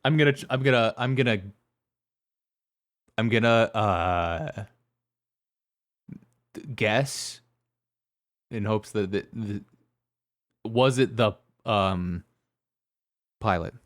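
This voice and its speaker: A man co-hosting a podcast in casual chat, relaxed and laughing often. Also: fairly low pitch, takes it slowly, pauses often, no room sound, clean studio sound. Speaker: podcast co-host.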